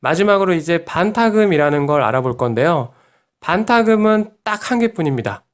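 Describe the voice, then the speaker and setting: A man teaching Japanese pronunciation in a lesson video, patient and encouraging, modelling each syllable slowly. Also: fairly high pitch, lively intonation. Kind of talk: online language lesson.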